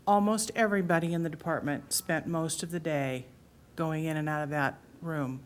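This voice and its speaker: At a public talk in a library meeting room, a middle-aged woman in the audience shares her memories, earnest and emotional yet low and even. She speaks at a moderate pace against slight background noise.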